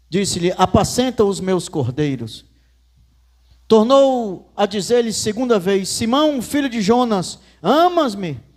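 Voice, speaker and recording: A man's voice: high voice, darkish tone. A man with a Northeastern Brazilian accent, a pastor preaching a sermon in church with folksy asides and storytelling.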